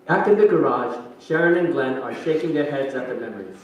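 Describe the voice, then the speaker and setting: A man's voice: mid-range voice, expressive, brisk, muffled recording, lightly acted. A man narrating stage directions for a staged play reading in scripted delivery. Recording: echoey hall, distant mic, faint noise.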